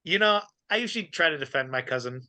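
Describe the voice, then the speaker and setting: Easygoing bright-toned man co-host. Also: on the high side, animated, fast talker, no echo. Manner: easygoing, laughs often. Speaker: podcast co-host. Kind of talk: casual chat.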